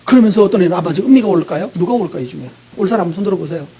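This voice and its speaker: A middle-aged male pastor preaching, quizzing his congregation with quick, teasing questions. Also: sits high, expressive, crowd noise. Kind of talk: interactive sermon.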